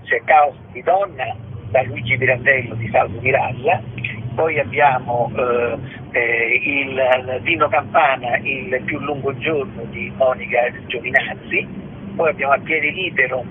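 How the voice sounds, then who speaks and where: A theatre festival's artistic director, on the radio by phone, pauses and searches for words as he responds to interview questions. The line is narrow and noisy, and his pitch is medium.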